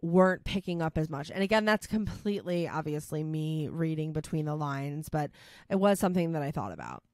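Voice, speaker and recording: A woman co-hosts a podcast in relaxed conversation. Her voice sits a bit low and sounds close and dry, with no room around it. She rambles in a chatty way, dropping fillers and acting out little quotes. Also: brisk, dry recording. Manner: chatty, many "like" fillers, animated quoting. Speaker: podcast co-host. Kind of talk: casual chat.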